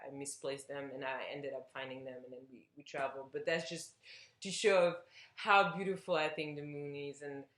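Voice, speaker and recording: A woman's voice: deep voice, fairly even intonation, normal speed, a bit bright, echoey room. A woman from Belgium chatting casually to camera, telling a personal story with lots of fillers and restarts. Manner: hesitant, rambling, with many fillers and restarts. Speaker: vlogger.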